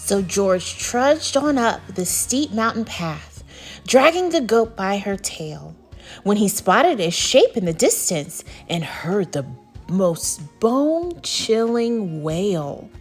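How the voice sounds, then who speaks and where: A woman reading aloud as a teacher, telling a children's story in an expressive, deliberate way. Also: mid-range voice, breathy edge, faint music behind. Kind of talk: animated children's storybook narration.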